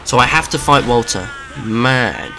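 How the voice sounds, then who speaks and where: A man narrates a scripted game review at a medium pitch. There is faint noise behind his voice. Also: a little slow, bright, forceful tone, poor audio.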